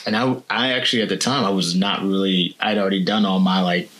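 A man's voice: low-pitched, steady tone, fast, fairly bright tone. A man co-hosting a podcast, talking in a rambling, easygoing way with lots of "you know". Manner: rambling and easygoing, many fillers. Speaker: podcast co-host. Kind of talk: casual candid chat.

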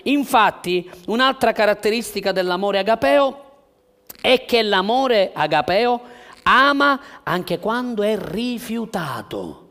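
A man preaching a sermon to his church as pastor, impassioned and full of rhetorical questions, swinging from loud calls to hushed words. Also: sits high.

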